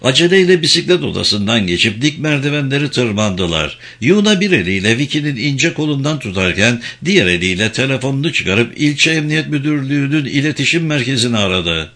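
Man, audiobook narrator, scripted narration, lively intonation, dramatic. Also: mid-range voice, a little fast, hardly any pauses. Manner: dramatic, expressive reading.

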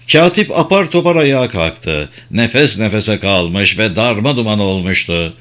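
Man reading a novel aloud, calm and measured, middle pitch. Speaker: audiobook narrator. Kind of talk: scripted narration.

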